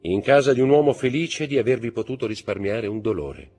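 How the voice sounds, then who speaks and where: A man reading aloud who plays a mysterious nobleman, courteous, polished and measured. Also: medium pitch, animated, a little mellow, voice pushed up, lightly acted. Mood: reassuring. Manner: polished and measured, icily cold at times.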